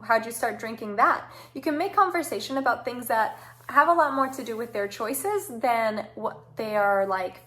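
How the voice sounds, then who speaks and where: High-pitched woman giving direct, emphatic advice. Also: a bit bright. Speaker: speaker giving social advice. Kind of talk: informal advice talk.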